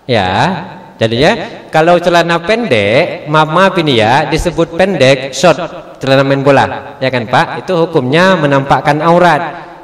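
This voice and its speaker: Animated preacher in an echoey hall. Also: male voice, on the high side, a little slow. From Aceh, Indonesia. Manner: animated storyteller, acts out characters, laughs often. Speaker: religious teacher. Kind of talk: religious Q&A lecture with humorous storytelling. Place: village prayer hall. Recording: echoey hall with long reverb.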